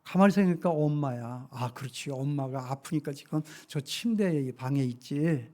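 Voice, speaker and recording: A male pastor in his sixties preaching a sermon, telling stories with feeling and swinging from hushed to loud. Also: medium pitch, normal speed. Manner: emotional storytelling, shifting from hushed to loud. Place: church sanctuary.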